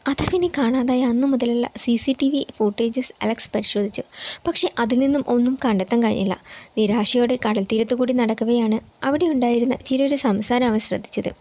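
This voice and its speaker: A woman reading a romance story aloud in a calm, steady way. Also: fairly high pitch, brisk, dull audio.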